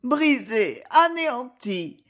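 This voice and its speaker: A distraught noblewoman in tears, as a woman reading a novel aloud puts her on. She pleads in a high, trembling voice that rises and falls sharply, slow and dramatic. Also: very animated, a bit bright, exaggerated voice. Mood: anguished. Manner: pleading, tearful. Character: grieving young noblewoman, tearful and dramatic.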